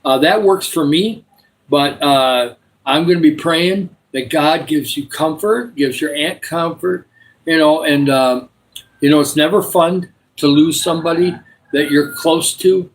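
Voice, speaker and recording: A man's voice: fairly high pitch, unhurried, a little hiss or hum. A man in his sixties hosting a live stream, chatting in a rambling, meandering way with viewers and praying for them. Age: 60s. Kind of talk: casual live-stream chat and prayer.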